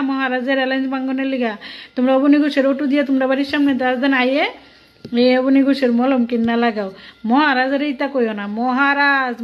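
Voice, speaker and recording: Woman, sarcastic scolding rant, high voice, muffled lo-fi sound. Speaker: online commentator. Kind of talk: political rant to camera. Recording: dull lo-fi recording.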